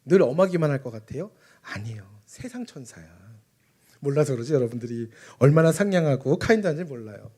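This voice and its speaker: A young man preaching a lively sermon at a church, asking the congregation questions and acting out quotes. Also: mid-range voice, a little fast, breathy edge. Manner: animated, asks the congregation questions and acts out quotes. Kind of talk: lively family-worship sermon. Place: church sanctuary.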